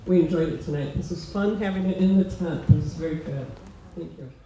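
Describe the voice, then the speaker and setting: A woman's voice: deep voice, a little fast, mellow. An American woman informally introducing herself to an audience at a live event. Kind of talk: informal public self-introduction. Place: event tent with seated audience. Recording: very echoey tent, faint noise.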